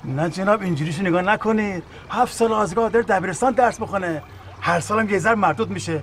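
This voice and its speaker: An actor playing a taxi agency owner complaining with indignation, outdoors. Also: male voice, high voice, slight background noise. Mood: aggrieved. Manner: aggrieved, complaining. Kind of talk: comedy series acting. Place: outdoors on a city street.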